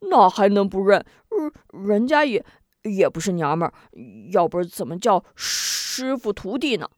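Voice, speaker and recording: A woman's voice: high-pitched, big pitch swings, a little slow, no echo, clean studio sound, voice pushed up. A woman doing a stammering, dim-witted big brawler. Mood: insistent. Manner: stammering, flustered and insistent. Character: dim-witted excitable big male fighter.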